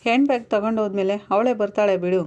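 A woman's voice: mid-range voice, fast talker, a little mellow, lo-fi sound, close to an everyday voice. A woman voicing a middle-aged father who chides his son and wife. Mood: chiding. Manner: chiding.

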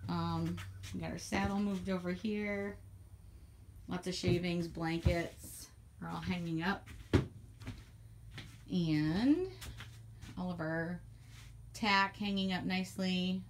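A woman giving a casual walkthrough of her horse barn on a handheld phone, chatty and quick to laugh as she points things out. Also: on the low side, steady tone, a little hiss or hum. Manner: chatty, laughs often, lists items as she goes. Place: horse barn, paddock and tack room, in and out of doors. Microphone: handheld phone camera.

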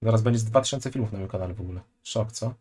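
A man's voice: lowish voice, rapid-fire, a little mellow. A man in his twenties, joking and chatting loosely while reacting to a video on a live stream from a small room at home, speaking into a headset. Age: 20s. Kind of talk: casual live-stream commentary.

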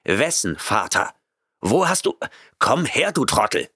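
A man voicing a feverish, irritable settler who turns gruff and shouts when agitated. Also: medium pitch, sing-song, unhurried, dry recording, clean studio sound, pitched above the performer's own voice, full character voice. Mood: shouting. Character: feverish, irritable male settler on a jungle moon.

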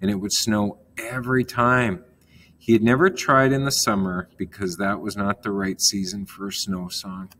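Calm lower-voiced man reading a children's story. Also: normal speed.

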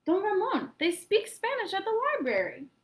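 A woman voicing an excited little boy who shouts his news eagerly. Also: high-pitched, moderate pace, roomy sound, voice pushed up.

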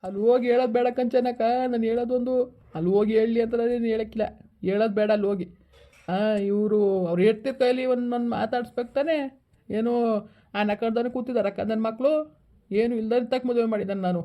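A woman's voice: fairly high pitch, fairly even intonation, quick pace, lo-fi sound. A woman in a village comedy sketch, voicing the grieving ghost of an old father who complains and wails. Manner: complaining, wailing, grumbling.

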